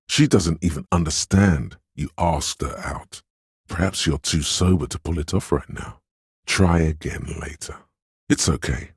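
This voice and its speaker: Suggestion, a very deep, husky inner voice. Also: male voice, dry recording, clean studio sound, exaggerated voice. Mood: coaxing. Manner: intimate, coaxing, knowing, measured. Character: Suggestion, a smooth, insinuating inner voice coaxing a troubled cop. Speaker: video game voice actor. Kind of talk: scripted second-person game narration.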